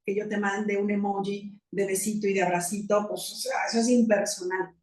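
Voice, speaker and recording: A woman's voice: medium pitch, level tone, normal speed, a little mellow, far from the mic. A woman with a Mexican Spanish accent, talking as a guest in easy, rambling conversation. She stacks up asides and keeps checking in with little rhetorical questions. Her voice sits back from the mic in a roomy, echoing space. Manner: chatty, many fillers and asides, rhetorical "¿no?". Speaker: guest biomagnetist. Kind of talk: casual talk-show explanation.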